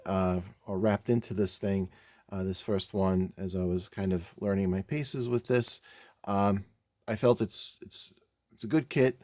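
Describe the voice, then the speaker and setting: This man hosts a scale model channel and narrates a kit build in a casual video, his voice lowish and mellow. He rambles in a relaxed, self-deprecating way, with lots of fillers and little chuckles, though his delivery comes off slightly stiff, almost robotic. The audio is dry and close-miked, with no room echo.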